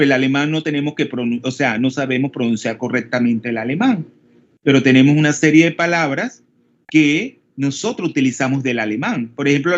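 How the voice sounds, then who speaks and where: A man with a Panamanian Spanish accent lectures an online class in a fairly high voice. He explains step by step and keeps checking that his students follow. The sound is dull and lo-fi, like call audio. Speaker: teacher.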